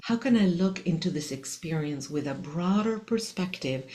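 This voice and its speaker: On her podcast, a spiritual teacher and coach in her sixties offers a reflective, motivational monologue, her Argentine Spanish accent coloring a deep, warm voice. She speaks earnestly and with emphasis, frequently asking rhetorical questions.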